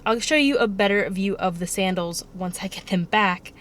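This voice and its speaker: Speaking at a normal speed in a medium-pitched voice, a young vlogger in her twenties chats casually to her camera. The recording, made on the camera's on-board mic at arm's length, starts at home and continues in a parked car, and she comes across as chatty and a bit self-conscious, with lots of fillers.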